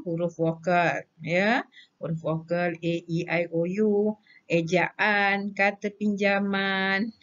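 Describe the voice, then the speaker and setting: A woman teacher with a Malaysian Malay accent talks through a grammar lesson at a measured pace. She sits a little low in her register, lists terms deliberately and answers her own prompts. The recording is dull and lo-fi. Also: a bit bright.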